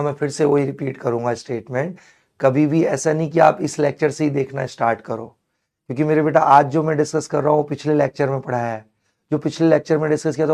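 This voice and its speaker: A hoarse man teaching chemistry in a live online class, playful and coaxing as he works through problems with his students. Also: a little high, a little mellow. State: hoarse, strained throat.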